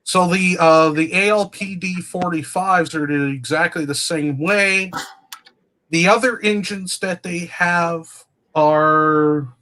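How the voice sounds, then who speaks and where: A man drifts through long, unhurried explanations in casual chat, his voice pitched a little high. He pauses often and fills the gaps with "um" and "uh". He comes through as if over a video call. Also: steady tone, pushed and bright. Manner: slow, meandering explanations with many fillers. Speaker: guest on train livestream.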